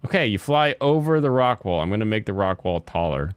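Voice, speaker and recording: A young man with a low, resonant voice chats casually through a gaming session. He rambles, restarts and fills gaps with "like" and "um" as he plays. The sound is close and dry, with no room around it. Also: sing-song, smooth, no room sound. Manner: rambling, halting, with frequent fillers. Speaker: gaming host. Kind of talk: casual gameplay chat.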